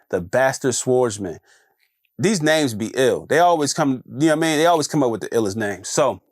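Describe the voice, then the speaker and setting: Speaking at a medium pitch, a man rambles through his views in a chatty solo podcast, circling back on phrases and frequently asking "you know what I'm saying". The recording is dry and close, with no room sound.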